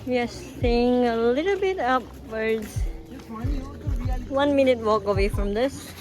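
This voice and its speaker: Speaking slowly in a slightly high voice, this young Nepali-speaking woman from Sikkim, India, casually narrates her travel vlog outdoors and in a restaurant. She's relaxed and talkative, full of fillers, with music playing behind her.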